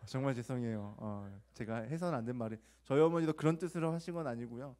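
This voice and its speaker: A young man preaching a sermon to teenagers, telling a personal story in a conversational, confessional way, asking rhetorical questions and acting out quoted voices with sudden loud bursts. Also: medium pitch, fast. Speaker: youth pastor.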